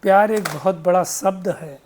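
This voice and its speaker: His voice is high-pitched and a little mellow, moving at a normal speed over slight background noise. In this devotional talk the spiritual teacher explains patiently, quotes sayings, and asks rhetorical questions ending in "है ना?".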